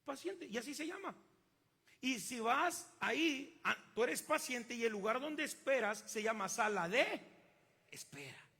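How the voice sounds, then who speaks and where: A man's voice: extremely high pitch, lively intonation, a little slow, creaky, pushed and bright, breathy edge, big-room sound. A man with a Mexican accent preaching a sermon, emphatic and drawing the congregation in with call-and-response questions. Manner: emphatic, asks the congregation to fill in words. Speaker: pastor.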